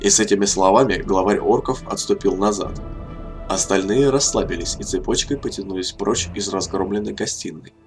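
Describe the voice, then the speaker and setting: A man with a low voice narrates a fantasy audiobook in a steady, measured way. Faint music plays softly beneath his reading.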